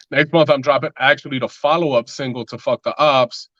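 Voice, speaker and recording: Man, musician guest, casual rambling chat, medium pitch, dull lo-fi sound, dry. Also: fairly even intonation, normal speed, a bit bright, dry recording. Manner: loose and rambling, many fillers.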